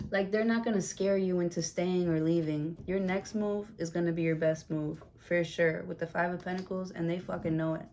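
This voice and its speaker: A woman's voice: on the low side, noisy background. A woman giving a casual tarot reading, blunt and chatty with plenty of swearing, in a room with a window open. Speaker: tarot reader.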